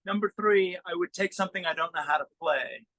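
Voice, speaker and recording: Casual and halting, a musician explains himself in an interview, pausing while he figures out what he thinks. The fairly high, notably bright voice comes through with no echo and close to no room sound, but the audio is poor.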